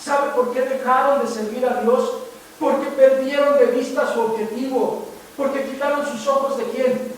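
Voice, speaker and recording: High-pitched preacher in echoey hall. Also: male voice, fairly even intonation, moderate pace, recorded from a distance, a little hiss or hum. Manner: emphatic, asks the congregation questions. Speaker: pastor. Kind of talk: sermon with congregation questions.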